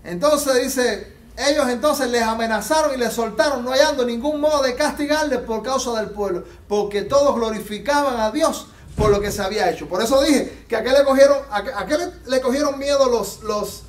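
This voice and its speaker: High-voiced fervent male preacher, echoey hall. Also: normal speed, far from the mic. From Latin America. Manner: fervent, rising to emphatic peaks and dropping low. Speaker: pastor. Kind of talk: sermon. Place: church sanctuary. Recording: echoey church hall, off-mic.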